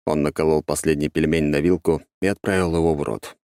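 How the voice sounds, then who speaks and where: A man reads a fantasy detective audiobook in a very low voice. His delivery is measured and even. The recording is dry and close. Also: clean tone, dry recording. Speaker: audiobook narrator. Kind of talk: first-person audiobook narration.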